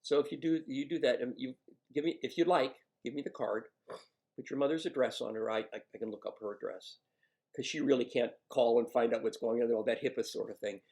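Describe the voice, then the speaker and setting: Male addiction counselor, gravelly, gentle and persuasive, one-on-one coaching. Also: mid-range voice, fairly even intonation, brisk. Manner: gentle, coaxing, self-mocking.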